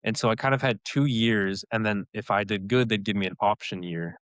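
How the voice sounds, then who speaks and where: A man's voice: on the low side, steady tone, fairly quick, fairly bright tone, dry recording. A man being interviewed, telling his story in a loose, casual way with many fillers and frequent laughs. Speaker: guest, elite runner.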